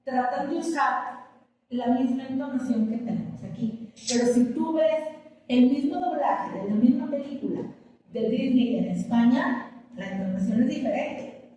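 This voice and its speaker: A woman's voice: high voice, animated, a little slow, dark tone, a little hiss or hum. A woman teacher giving a patient classroom lecture, explaining with everyday examples and questions to her students. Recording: echoey classroom from a distant mic with faint ambience.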